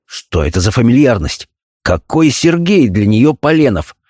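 A man's voice: medium pitch, sing-song, normal speed, big-room sound. Man playing a distraught, anguished doctor. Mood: agitated. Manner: agitated, near tears, shouting. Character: distraught middle-aged doctor and father, anguished.

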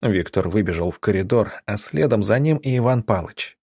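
A man's voice: animated, normal speed, darkish tone, husky, no room sound, studio quality. A man narrating an audiobook, raising his voice for the characters' lines. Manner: voices characters with raised pitch.

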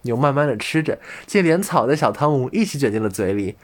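A man narrating a fairy tale audiobook in a measured storytelling manner. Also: medium pitch, lively intonation. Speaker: audiobook reader.

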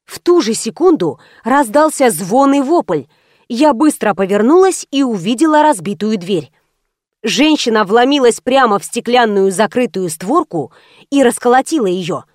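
A woman narrating a story in the first person, wry and brisk. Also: fairly high pitch, expressive, no room sound, studio quality. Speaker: audiobook narrator.

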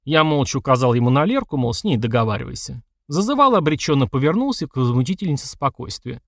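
A man's voice: mid-range voice, sing-song, quick pace, vocal fry, a bit bright, no room sound, studio quality. Man narrating an audiobook.

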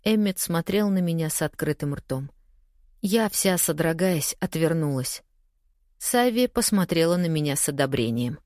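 Woman, audiobook narrator, first person, lowish voice, measured, dry close recording. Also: lively intonation, darkish tone, no echo.

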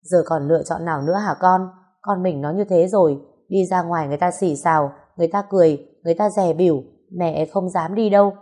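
A woman's voice: fairly low pitch, fairly quick, mellow, close to an everyday voice. A woman reading the part of a weary, tearful elderly mother, pleading and complaining. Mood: defensive.

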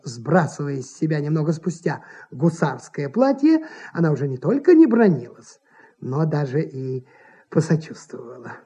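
A narrator reading a classic story with lively theatrical delivery, in a dull old radio recording. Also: medium pitch, husky. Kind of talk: 1950s staged story reading.

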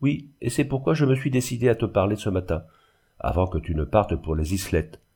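A man's voice: on the low side, big pitch swings, a little fast, creaky, darkish tone, breathy edge, full character voice. A man reading aloud and voicing a proud, unhappy young orphan girl who pleads earnestly. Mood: resolute.

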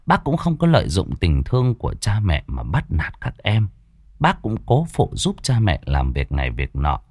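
A man, narrating a ghost story in a dramatic, expressive way. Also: deep voice, normal speed, no room sound, clean studio sound.

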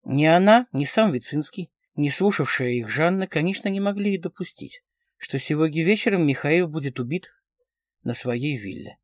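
A man's voice: a little high, animated, moderate pace, dry recording, studio quality. A man narrating a novel as an audiobook, reading expressively. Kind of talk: scripted narration of a crime novel.

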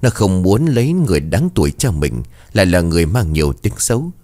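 Male storyteller, deep and animated narration. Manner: expressive, measured storytelling.

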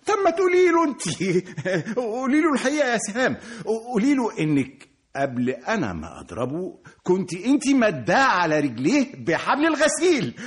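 An actor playing a nervous, sarcastic brother with an Egyptian accent, questioned by police in a radio drama. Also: male voice, high voice, sing-song, normal speed. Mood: mocking, agitated. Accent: Egyptian Arabic. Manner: sarcastic, shifting between laughter and whining.

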